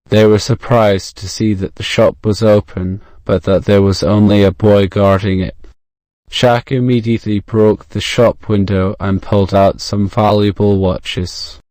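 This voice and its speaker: A man narrates a story in a modern British accent, with a fairly low, crisp voice. His delivery is measured and fairly even, like an audiobook for learners, recorded close and dry. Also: dry recording.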